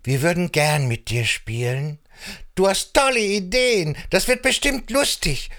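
A man's voice: sits high, lively intonation, a little slow, a bit bright, pitched above the performer's own voice, full character voice. A man voicing a cheerful, playful little frog in a children's audio story. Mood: eager.

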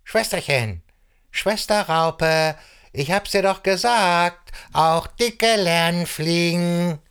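A man's voice: high voice, takes it slowly, a bit bright, smooth, voice pushed up, heavily acted. A man voicing a gleeful little caterpillar speaking proudly to her sister in a children's story.

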